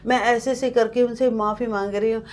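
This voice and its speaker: A woman's voice: fairly high pitch, fairly even intonation, fairly quick, darkish tone. A woman giving an earnest personal testimony to a pastor, telling her story vividly and mixing in English words. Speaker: guest sharing a testimony.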